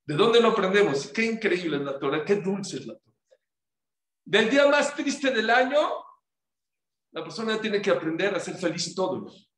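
A man giving a sermon as a rabbi, lively, firing rhetorical questions at his listeners. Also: sits high, moderate pace. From Mexico. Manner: animated, rhetorical questions to the audience. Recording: echoey room.

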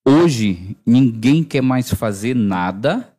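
A man's voice: medium pitch, expressive, slow pace, mellow, slightly rough. A man hosting a casual chat, cutting in to ask questions and add comments. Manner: interjecting, asking for slang explanations.

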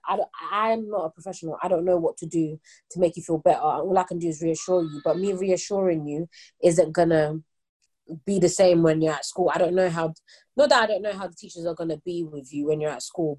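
A woman, speaking earnestly and haltingly in a casual group discussion. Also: on the low side, a little mellow. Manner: earnest, halting, filler-heavy. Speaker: mother of a young child.

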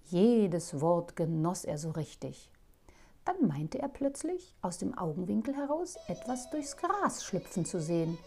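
A woman reading a children's story aloud in an expressive, playful way. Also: on the low side, measured pace, gravelly, soft background music.

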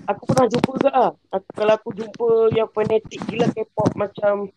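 A man's voice: high-pitched, steady tone, brisk, heavy background noise. A young man with a Malaysian accent chatting casually and bluntly, mixing in English and repeating his phrases. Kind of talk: casual chat with English mixed in.

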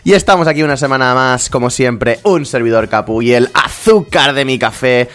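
A man's voice: mid-range voice, normal speed, fairly bright tone. A young man from hosting a casual podcast, joking and rambling, laughing often. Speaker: podcast host.

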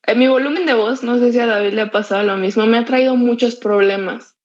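A young woman from Mexico, co-hosting a casual podcast chat, who talks very loudly and forcefully. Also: on the high side, brisk. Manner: very loud, forceful way of speaking. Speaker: podcast co-host. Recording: slightly muffled lo-fi sound.

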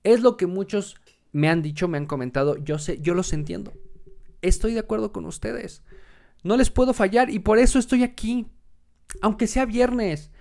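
A man's voice: high-pitched, moderate pace, creaky, darkish tone. A man hosting his own comedic monologue podcast, sarcastic and profane. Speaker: podcast host.

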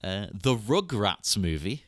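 A man chatting on a podcast, animated and quick to laugh. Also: fairly low pitch, no echo, studio quality. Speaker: podcast panelist. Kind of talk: casual chat.

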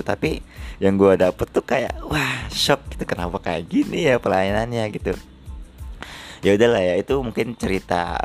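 Young man, casual vlog storytelling, slangy and chatty, low voice. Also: gravelly. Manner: chatty, slangy, frequent fillers. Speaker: vlogger.

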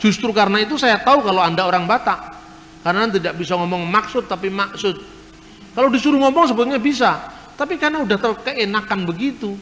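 A man's voice: sits high, lively intonation, quick pace, a bit bright, a little hiss or hum. A man lecturing at a question-and-answer session, explaining word sounds with rhetorical questions and spelled-out letters. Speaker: speaker at a Q&A. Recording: long hall reverb.

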